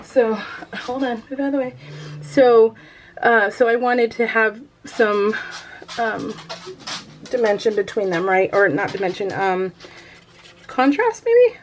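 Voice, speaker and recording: Speaking slowly with long pauses, this American woman chats to viewers about a craft project in a fairly high, expressive voice. She rambles and giggles, pokes fun at herself, and often trails off mid-thought; the recording is rough, with slight background noise.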